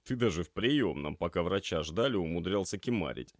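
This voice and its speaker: A man's voice: low voice, lively intonation, fairly quick, dry recording, studio quality. A man voicing a tired, grumpy young male paramedic trainee who talks in a weary, grumbling way.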